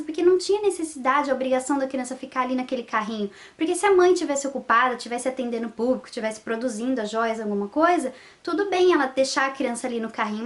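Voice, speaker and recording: Young woman vlogger, high pitch, indignant storyteller. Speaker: vlogger and mother. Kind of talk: casual vlog monologue.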